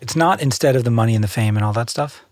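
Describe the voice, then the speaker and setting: A man's voice: mid-range voice, fast, a little mellow, no room sound, studio quality. A man speaking as an interview guest, wry and self-deprecating in casual conversation.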